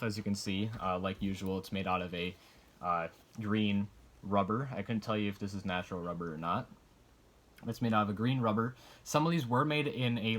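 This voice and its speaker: A collector reviews military surplus gear in a loose, unscripted show-and-tell, rambling and hesitating as he hedges his explanations. His voice is low with a slight brightness.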